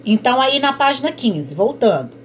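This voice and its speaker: A woman's voice: sits high, sing-song, normal speed, a little hiss or hum. A woman teaching a recorded online class, patiently explaining and asking and answering her own questions.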